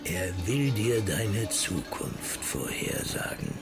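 An actor playing an eerie mystic fortune-teller who speaks of spirits in a slow, portentous drama delivery that sinks into whispers. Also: male voice, lowish voice, very animated, gravelly, exaggerated voice. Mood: solemn, eerie. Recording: loud music under the voice.

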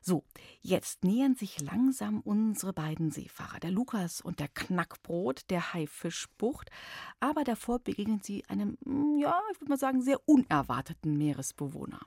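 A woman presenting a children's radio show in a chatty, playful, expressive storytelling style, speaking straight to the listeners. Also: mid-range voice, normal speed, vocal fry, slightly rough, dry recording, studio quality. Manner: expressive, addresses young listeners directly. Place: radio studio.

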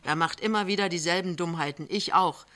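A reader voicing a gruff, brooding man in an audiobook reading, blunt but consoling. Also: mid-range voice, brisk, sharp tone, close to an everyday voice.

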